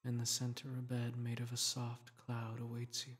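A man playing the Sandman, a calm, protective lord of dreams, in a soft, solemn, gently reassuring sleep-aid meditation roleplay. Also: mid-range voice, normal speed, close to an everyday voice. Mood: soothing, gentle. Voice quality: soft, soothing.

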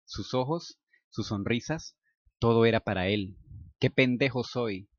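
A man's voice: measured pace, no room sound. Man reading a story with frantic outbursts. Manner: frantic, high bursts in inner monologue. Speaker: story reader. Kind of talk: first-person romance story narration. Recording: dull, dry lo-fi recording.

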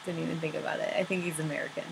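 A woman's voice: deep voice, flat delivery, racing, gravelly, slight background noise, poor audio. A woman co-hosting a couples reaction video, giggly and a bit bashful in casual chat. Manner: giggly, bright, a little bashful. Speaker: co-host of a reaction channel.

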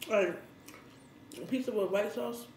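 A woman's voice: medium pitch, slow. An American woman chatting casually as a mukbang host, talking between mouthfuls of chips and dip. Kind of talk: casual chat while eating. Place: indoor room at a table. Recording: echoey room with background noise.

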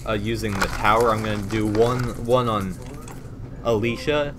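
A man's voice: on the low side, fairly even intonation, moderate pace, noisy background. A young man narrating his card game moves step by step at a table in a game store. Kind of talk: casual talk through game turns. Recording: store crowd behind. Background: chatter of a crowded game store.

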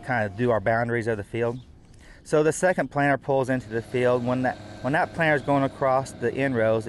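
A man's voice: mid-range voice, slight background noise. A middle-aged man, a farmer speaking practically in an on-camera interview outdoors, with fillers. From United States.

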